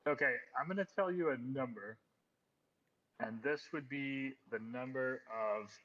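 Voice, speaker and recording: Slow, halting game master, lo-fi sound. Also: male voice, mid-range voice, fairly bright tone. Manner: hesitant, thinking aloud with many ums. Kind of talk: running a tabletop game session. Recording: dull lo-fi audio with faint noise.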